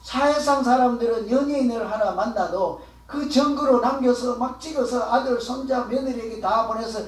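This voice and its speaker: High-pitched male pastor preaching, chatty, asks the crowd questions, big echoey church, sounds far from the mic. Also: normal speed. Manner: conversational preaching, asking the congregation questions; acts out the quoted words of others. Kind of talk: sermon. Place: church sanctuary.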